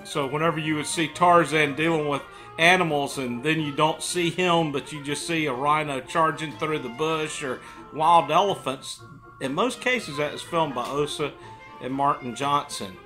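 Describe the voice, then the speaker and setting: A middle-aged man spins a casual tale to camera in an indoor room. His voice sits a little high with a bright, forward edge, and he often speaks with a pipe between his lips. Faint music plays behind him. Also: normal speed, low-quality recording. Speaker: storyteller. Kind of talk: casual storytelling monologue to camera.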